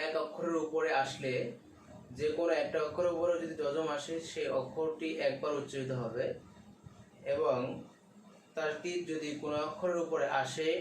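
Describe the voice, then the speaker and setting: Male teacher, fairly high voice, patient explainer, roomy far-off mic. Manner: repeats key points slowly. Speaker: Quran teacher. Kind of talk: explanatory lesson. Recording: echoey room, mic at a distance, faint hiss.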